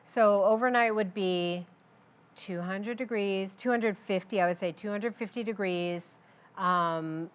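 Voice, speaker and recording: A woman chef explaining a recipe during a cooking demo, relaxed and practical, with frequent fillers. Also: mid-range voice, a little slow, clean tone.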